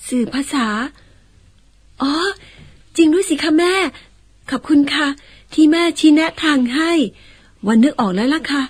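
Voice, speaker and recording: A woman acting in an old-style radio drama as a gentle, polite young daughter who coaxes and explains patiently. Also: high voice, unhurried, pauses often. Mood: polite, thoughtful. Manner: coaxing, polite, carefully explaining.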